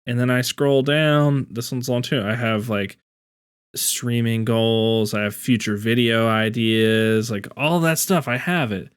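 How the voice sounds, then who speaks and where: A man's voice: medium pitch, measured pace, clean tone. A man co-hosting a podcast in casual, informal back-and-forth banter. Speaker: podcast co-host.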